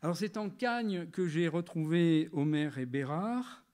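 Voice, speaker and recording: A man in his sixties with a high voice reads a prepared lecture aloud. His delivery is measured and literary, and he pauses now and then to hesitate over a phrase. He speaks as a lecturer at a literary gathering. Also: expressive, darkish tone.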